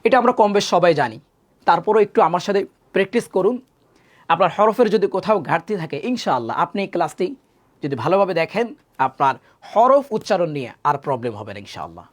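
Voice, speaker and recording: A male Quran teacher giving a live online lesson. He sounds out Arabic letters loudly and repeatedly, then explains more quietly, asking viewers to repeat after him. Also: sits high, animated, fast. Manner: addresses viewers directly, asks them to repeat after him.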